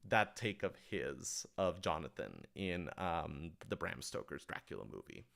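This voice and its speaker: Here the same writer-director, low in pitch, answers the audience in an easygoing, improvised livestream way, reasoning things out with some liveliness and plenty of qualifiers before landing his point. His pitch swings widely, he takes his time, and his voice has vocal fry and a slightly bright quality.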